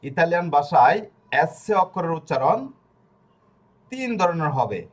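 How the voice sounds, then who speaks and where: A man teaching a language lesson, repeating each point slowly and answering his own questions. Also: a little high, expressive.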